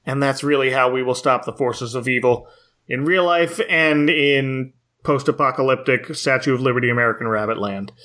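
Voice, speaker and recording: A man's voice: mid-range voice, moderate pace, pushed and bright. A man co-hosting a podcast, casually recapping a film in a wry, joking way. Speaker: podcast co-host.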